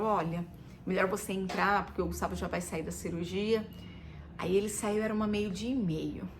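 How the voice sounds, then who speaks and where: A woman's voice: medium pitch, fairly bright tone, slight background noise. Emotional Brazilian mother, voice wavering. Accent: Brazilian Portuguese. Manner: emotional, repetitive, voice wavering near tears. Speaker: mother telling her family's story. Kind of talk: personal account to camera.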